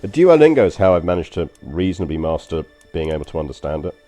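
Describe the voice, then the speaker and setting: Chatting to his stream while he plays a strategy game, a man with a London English accent wanders through his thoughts with lots of ums and uhs. His voice is deep, mellow, unhurried and a little sing-song, and faint music plays underneath.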